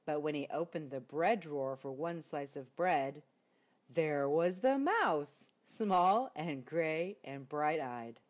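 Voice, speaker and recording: An older woman reads a children's storybook aloud the way a grandmother might, expressive and deliberately emphatic. Her voice is deep and animated.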